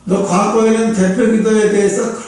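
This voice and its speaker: A male pastor preaches in a high voice, asking his congregation question after question. His delivery jumps between loud outbursts and quiet asides. The sound rings heavily in a church hall, picked up from well back. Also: brisk. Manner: animated preaching, swings from loud bursts to low asides; speaks directly to the congregation with rhetorical questions. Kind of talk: sermon. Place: church sanctuary. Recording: echoey church hall, mic at a distance.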